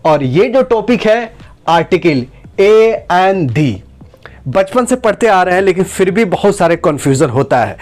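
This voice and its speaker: A man teaching English grammar, who repeats and slowly stretches out each example sentence. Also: sits high, big pitch swings, a little mellow. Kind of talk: spoken lesson to camera.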